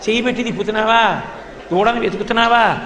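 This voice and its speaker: A man's voice: high voice, quick pace, fairly bright tone, voice pushed up. A man voicing an astonished, flustered village milkmaid woman. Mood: bewildered. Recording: long hall reverb with faint music.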